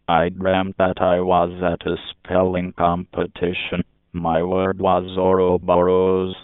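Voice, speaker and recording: Deadpan low-voiced man, flat monotone. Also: clean tone, dry recording. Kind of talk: deadpan comedic confession monologue. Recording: tinny phone-like sound.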